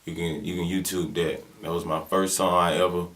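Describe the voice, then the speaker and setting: A brisk, low-pitched male voice with a level tone and a bit of brightness belongs to a rapper in his twenties. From Birmingham, Alabama, he answers interview questions in a Southern US accent, keeping it casual and slangy with lots of fillers.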